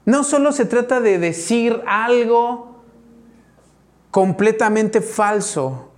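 A man's voice: very high-pitched, lively intonation, slow. A man with a Mexican accent preaching a conversational sermon, often checking in with his congregation. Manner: chatty, keeps checking in with the congregation. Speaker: pastor.

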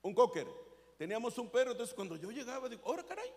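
A high-pitched Mexican man preaching from the pulpit, earnest and chatty, calling on the congregation to answer. His voice carries a long, echoing hall reverb. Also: fast, darkish tone. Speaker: pastor. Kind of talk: sermon.

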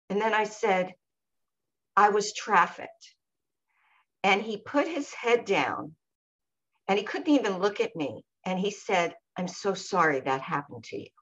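A woman co-hosting a podcast, sharing her personal experience in a reflective, measured way and pausing to search for words. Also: mid-range voice, fairly bright tone, husky, lo-fi sound. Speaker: podcast co-host.

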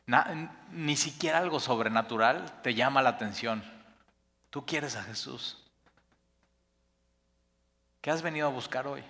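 A man preaching a sermon, expressive, building to emphatic peaks and then dropping soft. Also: medium pitch, measured pace, pauses often, in a large hall. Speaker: pastor.

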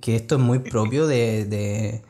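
A man's voice: fairly low pitch, measured pace, dark tone, a little hiss or hum. A young man with a Chilean accent, chatting casually and joking with frequent laughs. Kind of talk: casual chat.

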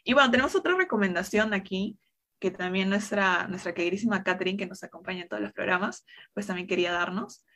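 A young woman co-hosting a casual talk show, relaxed and conversational. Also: mid-range voice, fast talker. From Peru. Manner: relaxed, conversational, with many fillers. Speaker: co-host.

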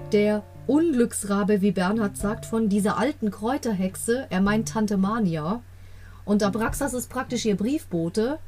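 A woman talking casually as a podcast host, recapping a radio play episode and slowly reading its quoted lines in a put-on voice, often laughing with enthusiasm. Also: fairly high pitch, darkish tone.

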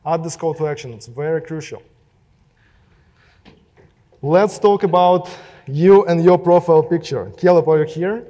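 A man's voice: on the high side, normal speed, long pauses, mellow. A young man with a Russian accent gives a casual talk to a live audience, speaking directly and asking the room questions. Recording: long reverb of a hall.

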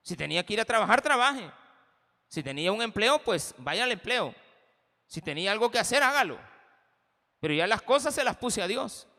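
Brief: impassioned Salvadoran male pastor, bright forceful voice, big echoing church. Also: high voice, very animated, normal speed, vocal fry, long pauses. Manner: impassioned, addresses the congregation directly. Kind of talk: sermon.

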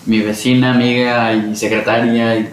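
A man's voice: mid-range voice, flat delivery, moderate pace. Mexican man in an echoey room. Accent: Mexican Spanish. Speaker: podcast co-host. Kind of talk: casual chat. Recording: echoey room, faint noise.

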